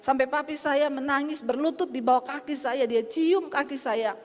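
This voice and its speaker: A woman's voice: high-pitched, steady tone, moderate pace, big-room sound. A woman pastor from Indonesia giving a sermon with her personal testimony, emphatic and calling out to the congregation.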